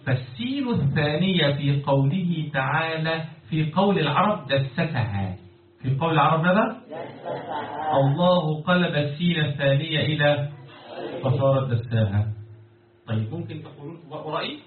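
A man's voice: fairly high pitch, animated, normal speed. A man with an Egyptian accent teaching Quran commentary and Arabic morphology, often stopping to quiz his students. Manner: keeps quizzing students and pressing them for answers. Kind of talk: classroom lecture with questions to students. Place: lecture hall with students. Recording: echoey, distant, phone-like, crowd noise.

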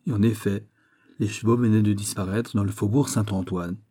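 Guy reading a classic novel aloud, steady pace, husky low voice. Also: normal speed. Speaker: audiobook narrator. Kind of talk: scripted narration.

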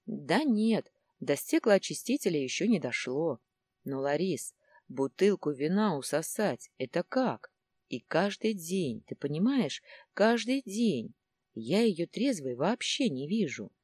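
A woman's voice: sits low, very animated, a little slow, darkish tone, breathy edge, no room sound, exaggerated voice. A woman reading the part of a worried, complaining middle-aged husband in a storybook.

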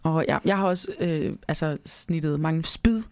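A woman reading a children's Christmas story aloud as narrator, in a calm, measured way, then chatting casually. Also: low-pitched, no room sound. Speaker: storyteller and co-host.

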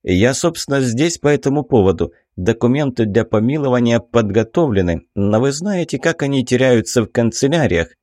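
A man's voice: medium pitch, expressive, normal speed, hardly any pauses, a little mellow, no room sound, clean studio sound, natural voice. A man reading an audiobook, voicing a cautious, timid investigator who talks in a hesitant, placating way. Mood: persuasive. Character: cautious middle-aged male investigator, timid.

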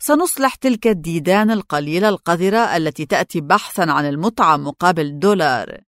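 A woman's voice: lowish voice, animated, fast talker, fairly bright tone, dry recording, clean studio sound. A woman reading an audiobook, voicing a young woman turned cold and cruel, speaking with cutting scorn.

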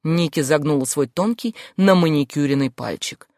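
A woman's voice: deep voice, moderate pace, a little mellow, no room sound, studio quality. Sardonic woman reading a novel aloud. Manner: sardonic, brash, crude asides. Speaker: audiobook narrator. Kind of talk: first-person novel narration.

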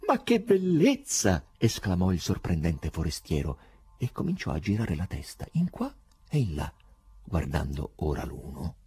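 A man narrating an audiobook in a dramatic, expressive reading. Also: a bass voice, normal speed, husky.

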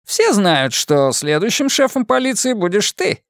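A man's voice: high-pitched, very animated, measured pace, a bit bright, no room sound, clean studio sound, voice pushed up, heavily acted. A man doing a sly, teasing newspaper editor. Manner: teasing, mock surprise.

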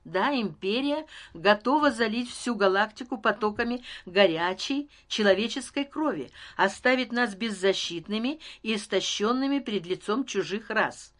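A woman reading an audiobook, voicing a female ruler who speaks to a crowd in a soft, intimate, measured way. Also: medium pitch, animated, close to an everyday voice. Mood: solemn. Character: female ruler addressing crowd, calm, persuasive.

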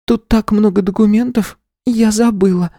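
A man's voice: high voice, fairly even intonation, moderate pace, creaky, dark tone, no room sound, clean studio sound, pitched above the performer's own voice. A man doing a timid frightened woman clerk. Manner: frightened, stammering, deferential. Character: timid plump forty-year-old woman clerk. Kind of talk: audiobook character voice.

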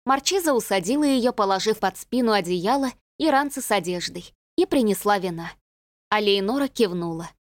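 A woman narrating an audiobook in a measured, even reading. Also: medium pitch, no room sound. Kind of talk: scripted narration.

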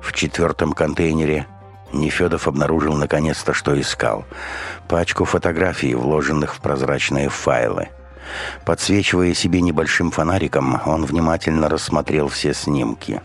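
A man reading an audiobook in steady scripted narration. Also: a bass voice, moderate pace. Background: faint music.

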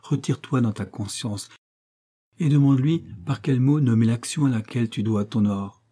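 A man's voice: medium pitch, moderate pace, dark tone, lightly acted. A man reading aloud the tender, moralizing letter of an earnest young wife.

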